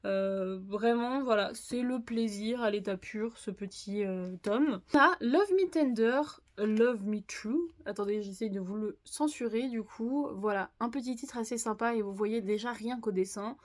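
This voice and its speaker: Female vlogger, casual haul chat, slightly high pitch, talkative, laughs easily. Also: a little slow, hardly any pauses. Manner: chatty, frequent "euh" fillers, laughs at own jokes. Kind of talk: casual unboxing chat to viewers.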